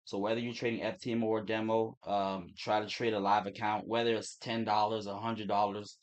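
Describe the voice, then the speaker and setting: A young Turks and Caicos man with a blended Caribbean and American accent, rooted in local Creole-English, hosts a trading livestream in a quick, casual style. He swears and restarts frequently. His voice is lowish and flat.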